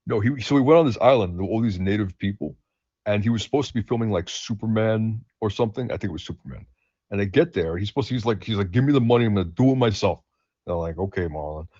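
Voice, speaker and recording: A man's voice: fairly low pitch, fast, a little mellow, no room sound. A man co-hosting a stream, telling a story in casual chat with lots of restarts and fillers. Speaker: stream co-host. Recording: muffled lo-fi audio.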